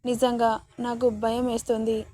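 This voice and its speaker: A woman's voice: a little high, little pitch movement, measured pace, mellow. A woman voicing a grieving young woman who mourns her father, speaking as a tearful, pleading lament in a dramatic story reading.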